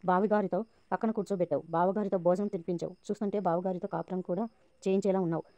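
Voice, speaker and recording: A scheming young woman who goads and mocks, talking quickly in a mellow, dark tone, read aloud by a woman narrator. The sound is dry and dull. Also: on the low side, fairly even intonation, dry recording, natural voice. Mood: sarcastic. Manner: sarcastic and goading. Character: scheming sarcastic young woman plotting against a rival.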